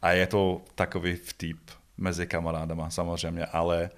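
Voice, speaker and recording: A man's voice: deep voice, monotone, gravelly. A middle-aged man with a Scottish accent, a native English speaker, answering interview questions in a conversational, joking, self-deprecating way. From Scotland. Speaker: interview guest, festival organiser.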